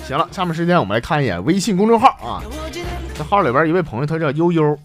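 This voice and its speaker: A man with a Northeastern Mandarin accent rattles off comic anecdotes as a radio host. His pitch swings wildly and his pace is brisk, with teasing punchlines, over faint background music. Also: sing-song. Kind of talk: comic storytelling.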